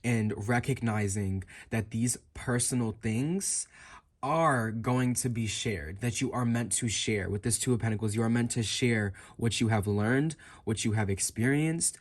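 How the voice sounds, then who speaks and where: A man's voice: medium pitch, measured pace. A man giving a fortune teller's improvised tarot reading straight to the listener, musing and circling back to repeat and rephrase his phrases. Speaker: tarot card reader.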